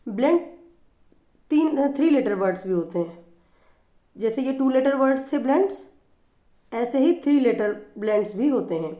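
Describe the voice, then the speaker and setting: A woman's voice: high voice, animated, normal speed, long pauses, dark tone, echoey room. A woman teacher explaining phonics in a patient lesson, repeating examples as she goes.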